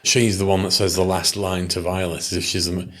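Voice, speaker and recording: Low-voiced wry man. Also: flat delivery, brisk, fairly bright tone. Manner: wry, playful, slips into mocking character voices. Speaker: podcast co-host. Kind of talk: casual chat.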